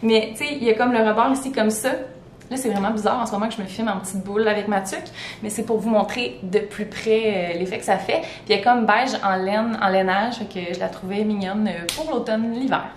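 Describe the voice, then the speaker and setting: A woman's voice: steady tone, brisk. A young woman with a Québécois French accent, a teacher chatting casually through a clothing haul at home, full of fillers and restarts. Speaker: teacher vlogger. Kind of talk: casual fashion haul chat. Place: indoors at home. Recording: echoey room, far from the mic, faint rumble.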